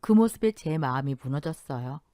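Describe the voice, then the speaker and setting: A woman's voice: sits low, lively intonation, normal speed, mellow, dry recording, clean studio sound. Woman narrating an emotional life story. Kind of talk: scripted first-person story narration.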